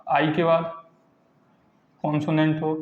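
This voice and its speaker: A man's voice: a little high, monotone. Male teacher in echoey room. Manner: repeats examples slowly, asks and answers his own questions. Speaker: English grammar teacher. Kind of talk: classroom lesson explaining pronunciation rules. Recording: echoey lo-fi classroom recording.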